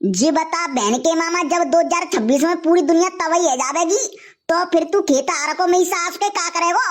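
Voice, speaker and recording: Someone doing a rowdy village guy in a cartoon, super high squeaky voice, brash and pushy. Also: normal speed. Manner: brash, rowdy, full of swear-fillers. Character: loud scheming village man, adult. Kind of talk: cartoon comedy voice acting.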